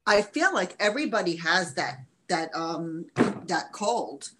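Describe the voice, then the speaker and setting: A woman's voice: on the low side, sing-song, measured pace. A woman from New York chatting casually as a podcast guest from her home studio. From New York, United States. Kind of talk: casual chat. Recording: faint background noise.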